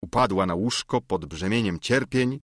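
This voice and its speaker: A male audiobook narrator reading a classic novel in measured, expressive storytelling, recorded in a studio. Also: on the low side, no echo.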